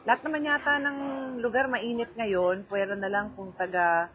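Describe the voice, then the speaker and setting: A woman's voice: mid-range voice, steady tone, moderate pace, fairly bright tone, rough recording. A middle-aged Filipino-accented woman chatting casually on a live stream from her phone, greeting viewers by name and mixing English into her Filipino. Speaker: vlogger hosting a phone livestream. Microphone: handheld phone.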